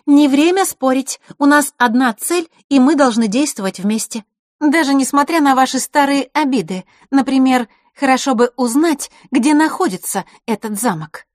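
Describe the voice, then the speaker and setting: A woman's voice: high voice, expressive, normal speed, no room sound, studio quality, voice pushed up. Woman playing a level-headed teen girl peacemaker. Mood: urging.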